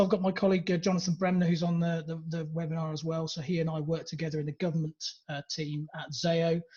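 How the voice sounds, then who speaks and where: An English man presenting on a webinar, talking in a chatty way and stopping often for fillers. His voice sits a little high, and the video call audio sounds dull and lo-fi. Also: darkish tone. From England. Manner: chatty, hesitant, many fillers.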